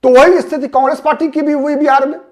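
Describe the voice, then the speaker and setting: A man's voice: very high-pitched, flat delivery, fast. Man giving analytical political commentary. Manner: analytical, poses rhetorical questions and answers them; repeats names and key words for emphasis. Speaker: political commentator and channel host. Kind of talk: solo political commentary to camera.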